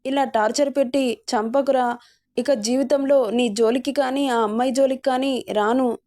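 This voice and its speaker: A woman's voice: high voice, steady tone, moderate pace, dark tone, close to an everyday voice. A woman voicing a cowardly young man who threatens and then begs for mercy in a read-aloud story. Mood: begging. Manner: pleading, desperate. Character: cowardly young man, bully turned begging.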